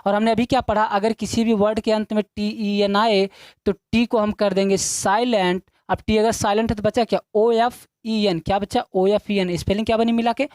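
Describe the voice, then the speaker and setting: A medium-pitched, slightly mellow female voice with fairly even intonation and a moderate pace, recorded without echo. She leads a classroom-style English video lesson, drilling points over and over, answering her own questions, and treating her students as children.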